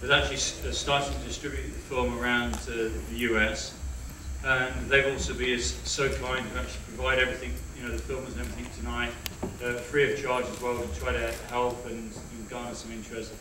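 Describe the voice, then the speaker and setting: A man's voice: medium pitch, level tone, brisk. A middle-aged man closing an event with formal, grateful remarks. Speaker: event organiser thanking the audience. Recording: distant echoey hall with crowd and hum.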